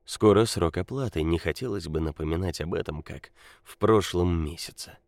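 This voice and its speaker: Quiet, courteous mob consigliere, low and dry, probing , read by a male narrator. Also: moderate pace, no room sound. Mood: smooth, probing. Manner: quiet, polite, insinuating. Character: cool, calculating male mafia consigliere.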